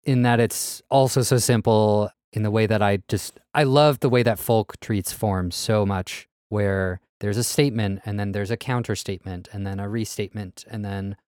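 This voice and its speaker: A man co-host explains musical form with eager enthusiasm. His voice is low and smooth, recorded close and dry with no room sound. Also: steady tone, moderate pace, few pauses, darkish tone, dry recording. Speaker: podcast co-host. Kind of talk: casual chat about music.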